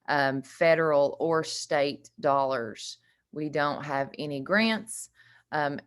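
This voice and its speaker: A woman's voice: deep voice, smooth. A woman with a Southern US drawl, giving an informal presentation as director of a recovery program in an earnest, emphatic way. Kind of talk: informal presentation on an online meeting.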